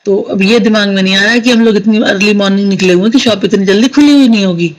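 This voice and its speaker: A woman's voice: mid-range voice, quick pace, low-quality recording. Woman telling a devotional story. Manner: conversational, addresses the listeners as sangat ji. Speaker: satsang storyteller sharing a devotee's experience.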